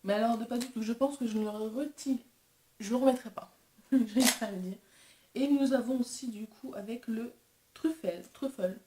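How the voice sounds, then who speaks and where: A woman's voice: a little high, moderate pace, roomy sound, noisy background. A young woman vlogger chatting casually and self-deprecatingly while testing makeup. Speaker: beauty vlogger. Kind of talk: casual chat.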